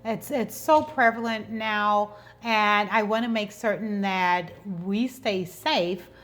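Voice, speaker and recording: Slow and a bit bright, this mid-range female voice belongs to a channel host and business owner in her fifties. Her explainer vlog is informal, and she talks in a conversational way, often going back over the same words.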